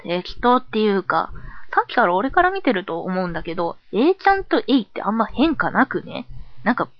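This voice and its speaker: A woman's voice: mid-range voice, big pitch swings, a little fast, lo-fi sound, close to an everyday voice. A woman in her twenties voicing a cool, blunt, tomboyish alter ego with curt, teasing speech. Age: 20s.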